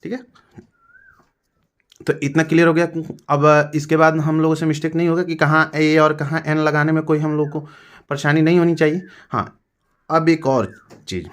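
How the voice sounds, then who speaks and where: Higher-pitched man, Hindi accent, patient teacher who repeats words slowly. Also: fairly even intonation. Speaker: grammar teacher. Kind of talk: classroom lesson.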